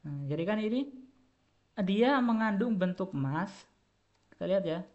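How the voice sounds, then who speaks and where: A man's voice: sits high, lively intonation, measured pace, a little mellow. Guy teaching japanese verb forms, says everything twice, lots of uhs, kinda dull lo-fi sound. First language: Indonesian. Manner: patient, repeats each word, many filler "eh"s. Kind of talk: whiteboard grammar lesson. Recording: dull lo-fi recording.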